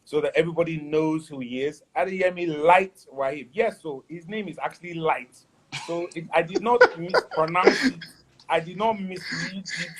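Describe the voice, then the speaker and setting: A man's voice: on the high side, expressive, moderate pace, slight background noise, low-quality recording. A man hosting a casual chat show, teasing his guest and laughing often. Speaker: talk show host.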